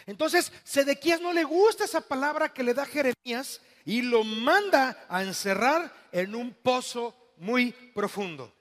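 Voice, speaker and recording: A man with a Mexican accent preaching a sermon as pastor, swinging between loud, dramatic passages and hushed, quiet ones. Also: very high-pitched, animated, a little slow, few pauses, big-room sound. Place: church.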